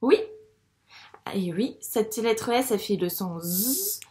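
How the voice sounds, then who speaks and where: Slow, patient schoolteacher woman. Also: mid-range voice, very animated, darkish tone, echoey room. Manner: patient, encouraging, spells out sounds slowly. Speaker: primary school teacher. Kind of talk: slow, patient reading lesson for young children. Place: classroom with a board.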